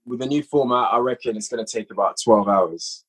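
This man has a medium-pitched, somewhat bright voice with a breathy edge, talking a little fast over a rough recording. As a podcast guest, he casually and reflectively discusses writing and directing audio drama, repeating phrases for emphasis.

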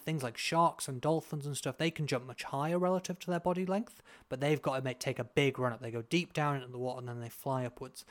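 An enthusiastic man co-hosts a casual chat podcast. He explains facts eagerly and jokes along the way, with a voice of ordinary pitch. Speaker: podcast co-host.

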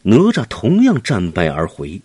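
A man's voice: deep voice, wildly swooping pitch, measured pace, dark tone, husky, no echo. A man narrating a classic adventure tale for children in a dramatic, vivid way. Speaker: storyteller.

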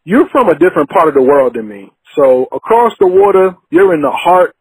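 A man interviewing a guest in a conversational, reflective way, deliberately building up to his questions. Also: high-pitched, sing-song, breathy edge, dry recording, poor audio.

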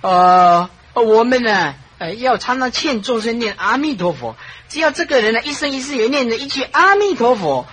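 A Buddhist monastic teacher giving a dharma talk, telling stories in an animated way, with frequent chuckles and repeated phrases. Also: mid-range voice, moderate pace, husky, rough recording.

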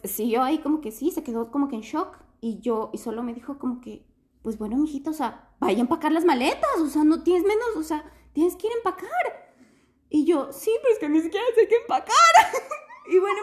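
Lively Ecuadorian woman telling a story. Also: gravelly. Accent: Ecuadorian Spanish, from Quito. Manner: animated storytelling, bursts of high laughter. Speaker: guest telling her story. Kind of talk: casual chat.

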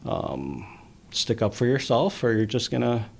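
A man, a police officer, talking earnestly in an interview, with many pauses and fillers. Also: mid-range voice, very animated, creaky, darkish tone, husky. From immigrant, grew up in the US. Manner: earnest, halting, many "you know" fillers. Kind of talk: conversational interview.

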